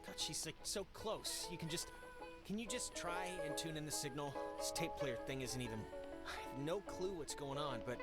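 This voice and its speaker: An actor playing an anxious, hopeful teenage boy in a video game, halting and pleading as he repeats himself. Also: on the high side, close to an everyday voice. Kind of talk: naturalistic video game dialogue. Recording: loud music behind the voice.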